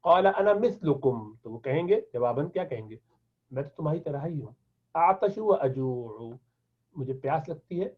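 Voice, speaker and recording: A man with a fairly high, husky voice teaches Arabic, reading each phrase slowly before he explains it. The sound is thin and phone-like, as if from a tinny line. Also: expressive. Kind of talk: classroom lesson explaining Arabic in Urdu.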